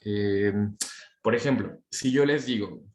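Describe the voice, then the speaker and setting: A man's voice: lowish voice, slow pace, a little mellow, reverberant. A young man, lecturing a university class in a conversational way, full of fillers and tag questions. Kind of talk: university talk on inclusive language.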